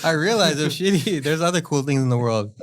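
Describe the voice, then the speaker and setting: A man's voice: fairly high pitch, lively intonation, fairly quick. A man chatting casually as a podcast guest, rambling and laughing often, trailing off mid-sentence. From USA.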